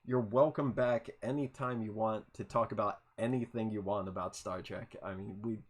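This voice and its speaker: A man's voice: fairly low pitch, steady tone, normal speed, husky. A man hosting a podcast interview on a video call, eager and stumbling over repeated words. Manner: enthusiastic, stammers and repeats words. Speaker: podcast host. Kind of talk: casual interview chat.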